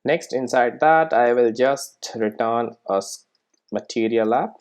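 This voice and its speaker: In a darkish, clean mid-pitched voice, a man gives a casual screencast tutorial on programming. He works through it step by step in a conversational manner, often finishing sentences with a brief check-in question for the learner.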